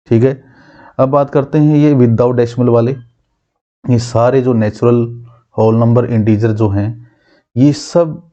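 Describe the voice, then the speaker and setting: Man, math teacher, classroom lesson, deep mellow voice, dull lo-fi recording, repeats terms slowly. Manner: asks students questions and answers them himself.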